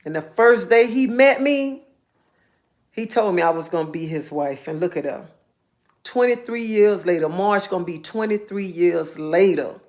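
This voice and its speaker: A woman with a lowish, slightly mellow voice speaks at a moderate pace in a casual live stream. Her monologue is earnest and heartfelt, and she repeats herself to drive points home.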